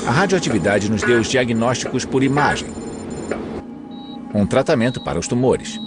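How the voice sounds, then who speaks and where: A man's voice: medium pitch, expressive, moderate pace. A man with a Brazilian accent reading scripted documentary narration as a dubbed voice-over. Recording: music under the voice.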